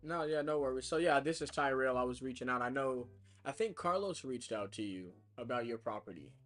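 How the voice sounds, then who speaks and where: A man's voice: medium pitch, lively intonation, brisk, a bit bright. Man streaming cold calls, chatty, loose, lots of fillers, music playing behind. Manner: chatty, explains as he works, many fillers and restarts. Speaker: real estate caller livestreaming his work. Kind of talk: casual live stream talk.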